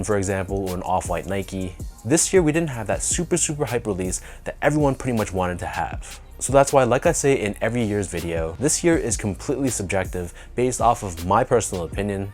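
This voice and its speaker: A Canadian man hosting a sneaker review video, sounding nasal from a sinus infection, talking in a relaxed, enthusiastic way with drawn-out emphasis. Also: on the low side. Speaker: sneaker channel host. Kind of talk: casual review talk to camera.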